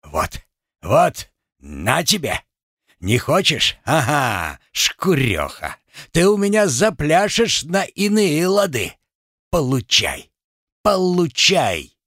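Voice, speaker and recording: A man reading an audiobook, voicing a violent, furious Cossack husband who shouts abuse at his wife. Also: mid-range voice, takes it slowly, no echo, clean studio sound, natural voice. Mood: brutal.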